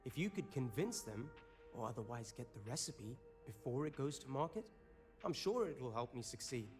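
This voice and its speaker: A man's voice: mid-range voice, very animated, moderate pace, a little mellow, faint music behind, close to an everyday voice. A man playing an anxious coffee shop owner. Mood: worried. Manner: worried, hesitant, earnest.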